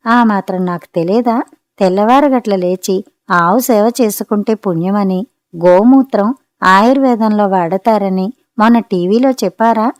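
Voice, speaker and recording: A woman's voice: mid-range voice, normal speed, no room sound, studio quality, lightly acted. A woman reader voicing a playful, stubborn young wife who coaxes and wheedles, in a storybook reading. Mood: boastful. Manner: coaxing, wheedling.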